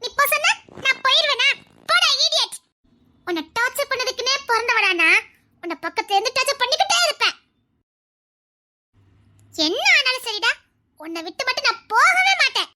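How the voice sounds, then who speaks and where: Woman playing a stubborn, devoted young lover, very high and bright. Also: lively intonation, brisk, heavily acted. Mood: teasing. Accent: Tirunelveli Tamil. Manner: tearful pleading turning to playful teasing. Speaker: lead character in a comedy skit. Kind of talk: melodramatic skit acting.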